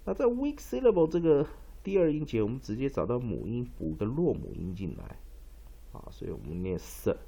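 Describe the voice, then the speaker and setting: A male English teacher giving a pronunciation lesson, explaining at length with many drawn-out fillers and reading dictionary entries aloud. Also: medium pitch, vocal fry, warm tone. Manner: reads dictionary entries slowly.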